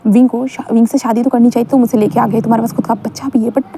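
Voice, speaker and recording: A woman's voice: fairly high pitch, fairly even intonation, fast, music in the background. A woman casually narrating a fan-fiction story and chatting directly to her listeners.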